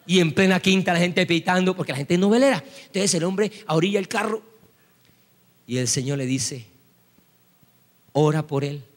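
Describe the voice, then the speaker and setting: A man preaching a sermon as pastor, telling stories and acting out voices before rising to loud praise. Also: high voice, brisk, long reverb tail. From Colombia. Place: church hall.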